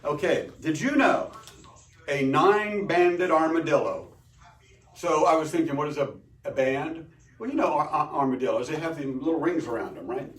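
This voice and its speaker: Casting note: chatty host, man, jokey and rambling, lively swooping pitch, slightly high voice, roomy off-mic sound. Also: normal speed, far from the mic. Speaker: host of a dealership live show. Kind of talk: solo livestream chat. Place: room at a car dealership. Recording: echoey room, a bit off-mic.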